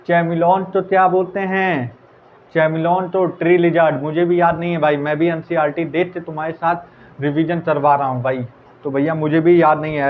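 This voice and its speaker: A man teaching biology as a quick revision lecture, repeating answers and chatting casually with students. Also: fairly high pitch. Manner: casual, repeats answers, calls listeners brother. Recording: tinny phone-like audio, faint hiss.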